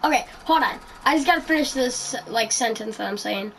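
A woman's voice: a little high, a little fast, creaky, a bit bright, slight background noise, low-quality recording. A woman hosting a casual podcast chat, rambling through her story with lots of ums and likes. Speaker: podcast host.

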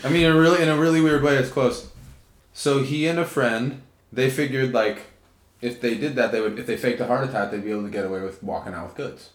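A man's voice: mid-range voice, fast. A man co-hosting a podcast in playful, teasing, swearing casual chat. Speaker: podcast co-host. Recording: echoey room.

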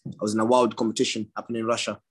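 A man's voice: on the low side, level tone, very fast, breathy edge. A young man from Somalia, a professional boxer, giving short plain answers in a casual interview and laughing often.

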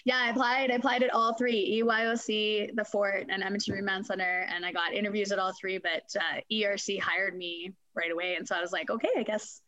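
A woman's voice: medium pitch, flat delivery, brisk, hardly any pauses, sharp tone, no echo, muffled recording. A woman in her forties from Canada, a guest telling stories in a casual interview, chatty and laughing often. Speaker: guest, fitness testing company and former corrections supervisor.

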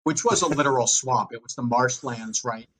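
A man's voice: medium pitch, moderate pace, fairly bright tone, low-quality recording. A man in his thirties with a Long Island accent, a podcast guest chatting casually and joking as he tells his story. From United States. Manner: chatty and jokey, with frequent restarts. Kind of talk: casual interview chat.

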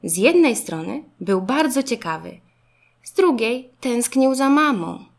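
A woman narrating a children's storybook in an expressive, lively way. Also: on the high side, unhurried.

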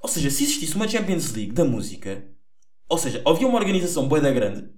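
A man's voice: fairly high pitch, sing-song, fast talker, darkish tone, reverberant. A young man with a European Portuguese accent hosting a casual solo podcast, rambling, correcting himself and swearing freely. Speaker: podcast host.

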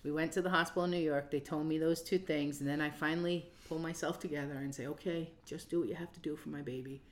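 Woman guest on a podcast, really low voice, earnest, keeps chiming in w details. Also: fairly even intonation. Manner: earnest, quick to jump in. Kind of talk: casual storytelling.

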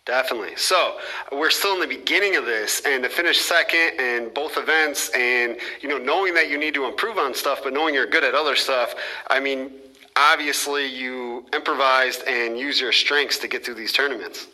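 Male podcast host, middle pitch, very bright tone, upbeat and chatty with guests. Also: normal speed, rough recording. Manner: upbeat, repeats "awesome" and "perfect". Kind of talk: casual interview.

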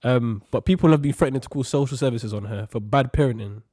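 A man's voice: mid-range voice, fast talker, dark tone, no room sound, studio quality. A young man with a London roadman accent, chatting casually as a host in an emphatic, slangy, sweary way. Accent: London, urban roadman slang. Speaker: podcast host. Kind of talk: casual banter and opinion chat.

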